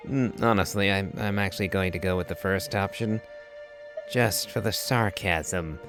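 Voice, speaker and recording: A man's voice: low-pitched, moderate pace. A man giving casual gameplay commentary with dry, sarcastic remarks. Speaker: gameplay streamer. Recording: game music under the voice.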